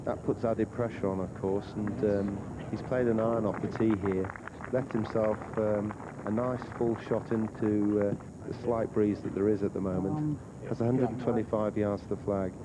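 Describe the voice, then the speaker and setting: Halting, even-toned male golf commentator. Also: fairly low pitch. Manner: hesitant, thoughtful, halting with many ums. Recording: clear outdoor background noise. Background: outdoor golf course ambience.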